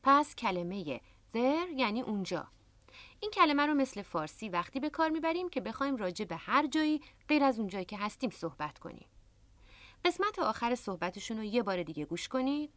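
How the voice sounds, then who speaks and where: A woman with a somewhat high, animated voice hosts a radio language lesson. She explains each word patiently and step by step. The sound is close and dry, straight from a studio microphone. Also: dry recording. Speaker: English teacher and radio host.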